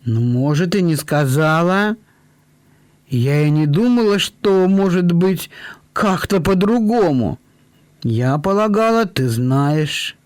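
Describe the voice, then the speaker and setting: A man reading aloud, voicing a kindly, lonely elderly lady who speaks slowly and deliberately. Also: fairly high pitch, expressive, no room sound. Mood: surprised, assured. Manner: slow, deliberate, drawn-out speech.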